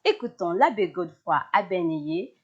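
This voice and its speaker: A woman's voice: lowish voice, expressive, normal speed, husky, lo-fi sound. A woman news presenter reading scripted narration.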